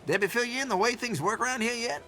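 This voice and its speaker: Old country shopkeeper, American Southern accent, high bright voice, youthful elder spryness, teasing, folksy, video game character. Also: male voice, lively intonation, fast talker, soft background music, exaggerated voice. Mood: friendly, explanatory. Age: older.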